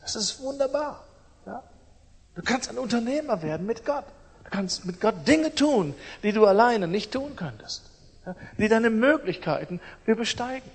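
A middle-aged man delivers a sermon with emphatic force, repeating key phrases and swinging between loud declarations and quiet asides. His voice sits a little high for a man. A long reverb trails each phrase, as in a large hall. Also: lively intonation, moderate pace, breathy edge. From East Germany. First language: German. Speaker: preacher.

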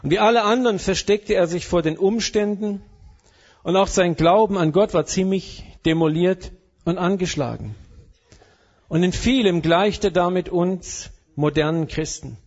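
A man's voice: sits high, moderate pace, a little mellow, muffled recording. A man preaching a sermon in a playful, joking manner, dropping English phrases in now and then. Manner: humorous, mixes German with English phrases.

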